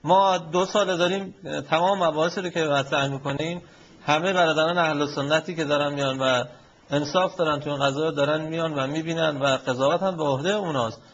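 A man hosting a talk show, moderating a caller in a measured, firm and polite way. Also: a little high, fairly even intonation, a bit bright, slightly rough, lo-fi sound. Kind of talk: studio moderation.

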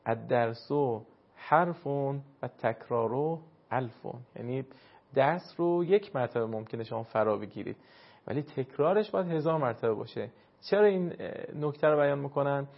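A man teaching pronunciation of Arabic letters for recitation, patiently explaining and slowly demonstrating sounds. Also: a little high, creaky. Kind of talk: instructional lesson. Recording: dull lo-fi recording.

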